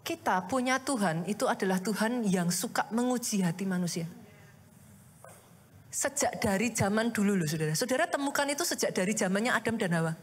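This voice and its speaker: A woman pastor preaching a sermon in a lively, conversational way, full of rhetorical questions and direct address to the congregation. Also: medium pitch, fairly quick. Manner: addresses the congregation often as "Saudara".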